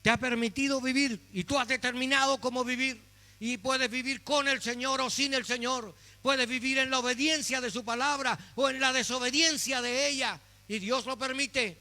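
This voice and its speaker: A male pastor delivering a sermon, preaching dramatically and swinging from soft, quiet passages to loud exclamations. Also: high voice. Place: church hall. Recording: echoey hall with mains hum.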